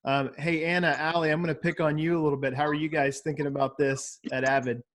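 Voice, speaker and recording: A man's voice: a little high, little pitch movement, fast talker. A man facilitating a casual video call discussion, friendly and inviting others to speak. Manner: friendly, hands the floor to others.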